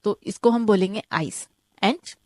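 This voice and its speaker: A woman with a mid-pitched voice teaches an online German lesson, recorded dry and close with no room echo. She works through the material step by step and keeps checking with "ठीक है?". Each example word gets said slowly, twice. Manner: explains step by step, often asks "ठीक है?".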